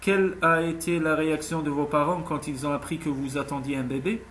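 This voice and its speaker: A man's voice: on the high side, steady tone, a little fast, fairly bright tone, slight background noise, natural voice. A man voicing a cynical, sceptical wealthy man in an audiobook, with a dry, cutting delivery. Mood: cold. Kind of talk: audiobook character voice.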